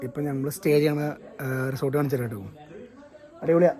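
A man's voice: a little high, fairly even intonation, fast, a crowd in the background. A man from Kerala vlogging casually on a family trip, upbeat as he shows the resort to his viewers. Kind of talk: casual vlog commentary. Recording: echoey with music behind.

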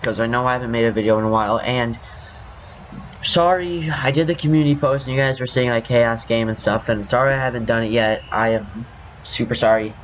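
A young male gamer talks over his match in a loose, rambling way, often correcting himself and apologizing, his voice still scratchy from sleep. His pitch sits in an ordinary middle range. A faint hiss of noise runs under the recording. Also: a little fast. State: scratchy morning voice. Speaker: gaming youtuber. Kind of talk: casual gameplay commentary.

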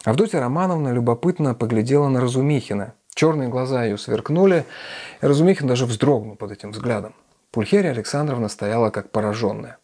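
A man reading a classic novel aloud as an audiobook with steady narration. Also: mid-range voice, fairly quick. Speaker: reader.

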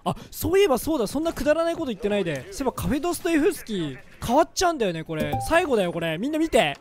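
A man doing casual let's-play game commentary, jokey and excitable, breaking into loud yelps during fights. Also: extremely high pitch, very fast, music in the background. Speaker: gaming commentator.

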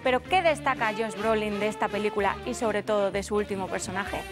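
A woman's voice: mid-range voice, brisk, over music. A young woman presenting a scripted film programme. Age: young adult. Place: TV studio.

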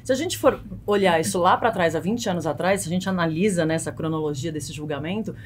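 A Brazilian-accented woman in her thirties, lowish-voiced and fast-talking, explains topics conversationally as an expert podcast guest, frequently checking in with short tag questions. She's close to a boom-arm studio mic in a small foam-padded studio, with a little hiss or hum.

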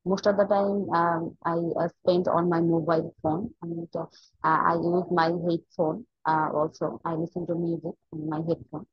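A woman from Bangladesh with a lowish, slightly husky voice answers test questions, pausing often with fillers. The sound is dry and a little dull. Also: level tone, dry recording. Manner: hesitant, many fillers. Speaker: test candidate. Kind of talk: mock exam answers.

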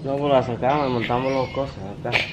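A man answers in short, offhand bits from off camera, his voice dull and muffled. Loud traffic and engine noise almost swamp him. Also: mid-range voice, little pitch movement, quick pace. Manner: brief, offhand replies. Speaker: vlogger's husband. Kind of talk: casual off-camera chat. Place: in and around a car.

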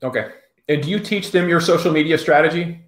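A man's voice: fairly high pitch, fairly quick, roomy sound. A man hosting a casual interview, upbeat and often checking in with his listeners. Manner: upbeat, leading with "right?" checks. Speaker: show host.

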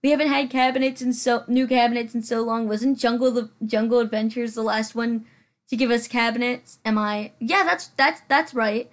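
A woman's voice: a little high, fairly even intonation, normal speed. A woman hosting a build video, rambling in casual voice-over, chatty and self-deprecating, with many fillers, a little out of breath, sitting farther from her mic than usual. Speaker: Sims building channel host.

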